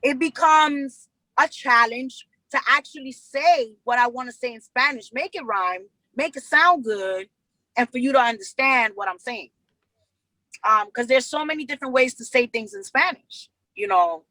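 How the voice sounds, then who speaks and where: In a casual interview, a young female rapper from New York keeps restarting as she tells her stories with earnest animation. She speaks at a moderate pace in a high-sitting voice, on a dry, low-quality recording.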